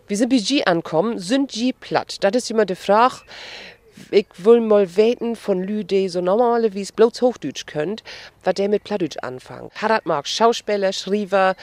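A cheerful woman hosts a relaxed radio talk in a Low German accent, laughing easily between questions. Her voice sits in a middle range. The sound is dry and close, with no room around it. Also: dry recording. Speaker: radio host. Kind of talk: casual radio interview.

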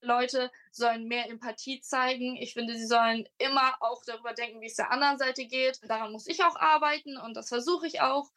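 A woman's voice: a little high, fairly even intonation, fairly quick, few pauses, sharp tone. A woman in her twenties, a student, thoughtfully telling of her experiences in an interview. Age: 20s. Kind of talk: personal testimony in an interview.

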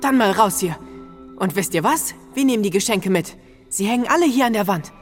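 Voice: mid-range voice, animated, brisk, faint music behind, close to an everyday voice. An actor in a children's audio drama playing Peter, a decisive, reasoning eldest brother who explains things assertively.

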